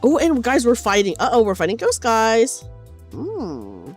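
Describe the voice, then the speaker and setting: A woman's voice: a little high, huge pitch swings, unhurried, slightly rough, faint music behind. A woman streamer chatting casually and expressively, swearing a bit and reading game dialogue aloud. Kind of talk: casual livestream chat mixed with dramatic read-aloud of game dialogue.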